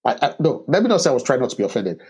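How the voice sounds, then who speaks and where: Co-host, male, husky, mid pitch, loose halting movie recap. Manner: halting, many restarts and ums, animated when joking. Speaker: podcast co-host recapping a film. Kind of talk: casual movie discussion.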